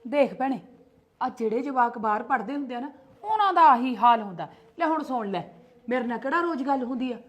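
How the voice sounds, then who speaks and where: A woman playing a sharp-tongued protective mother. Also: high voice, expressive, fairly quick. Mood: explaining. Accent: Punjabi. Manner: argumentative, scolding, defensive. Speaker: sister-in-law. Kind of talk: homemade family skit.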